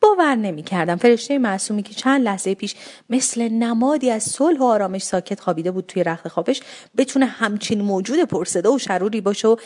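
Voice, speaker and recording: A woman narrating a first-person story with a wry, comic, animated delivery. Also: medium pitch.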